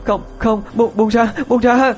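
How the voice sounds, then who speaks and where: A man voicing a weak young wife who begs and cries in high, strained tones. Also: flat delivery, measured pace, over music. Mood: terrified.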